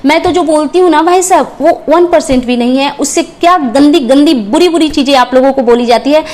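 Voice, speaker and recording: A woman's voice: sits high, brisk, darkish tone. A young woman from Bihar giving roast reaction commentary, talking in a confrontational, mocking, scolding way. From Bihar, India. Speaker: reaction channel creator.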